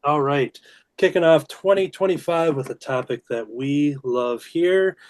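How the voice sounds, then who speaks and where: A man hosting a casual drawing show, talking in a relaxed way with frequent "uh" fillers. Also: on the high side, measured pace. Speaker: host. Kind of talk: casual video-call chat while drawing.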